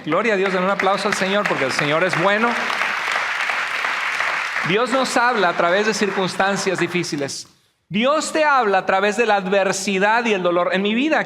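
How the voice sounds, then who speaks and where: High, bright-voiced preacher man in a reverberant hall. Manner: animated preaching with jokes and acted quotes. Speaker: pastor. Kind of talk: sermon. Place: church sanctuary.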